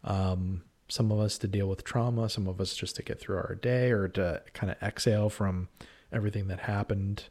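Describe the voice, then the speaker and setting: A male podcast co-host talks in a loose, joking way, teasing his co-host and riffing on ideas. His voice sits on the low side of the male range. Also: steady tone, normal speed, a little mellow. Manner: playful, joking. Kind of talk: casual chat.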